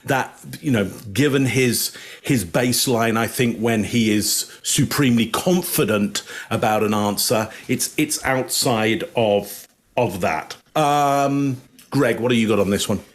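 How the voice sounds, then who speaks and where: A man analyzing body language on a panel, speaking in a measured, hedging way with pauses and fillers. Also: medium pitch. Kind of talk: casual panel commentary.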